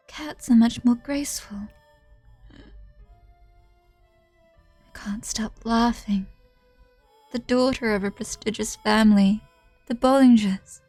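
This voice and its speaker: A woman's voice: fairly high pitch, no echo. A woman voicing a cruel, mocking young woman who taunts and laughs, reading a visual novel aloud.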